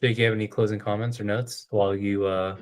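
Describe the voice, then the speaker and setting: A man's voice: lowish voice, level tone, quick pace. A man with an American accent hosting a casual chat in an informal, slangy way. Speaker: podcast host.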